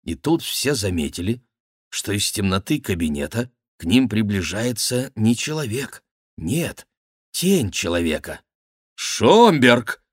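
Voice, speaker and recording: A man narrating an audiobook in an expressive, theatrical manner. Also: lowish voice, measured pace, breathy edge, dry recording, studio quality. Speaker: audiobook reader.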